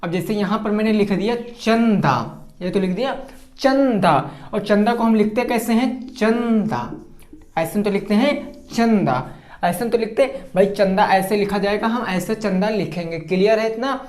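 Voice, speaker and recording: A man's voice: high-pitched, moderate pace, darkish tone. A male teacher giving an exam-prep grammar lesson, who asks a question, answers it himself, stretches his example words and keeps checking that students follow. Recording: echoey room.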